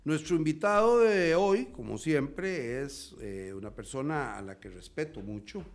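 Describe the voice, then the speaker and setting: A Costa Rican man hosts a radio interview with a gravelly, rough edge to his voice. He speaks very slowly and deliberately. He pauses often to find his words. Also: fairly high pitch, expressive. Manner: slow, deliberate, with frequent hesitations. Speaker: radio show host.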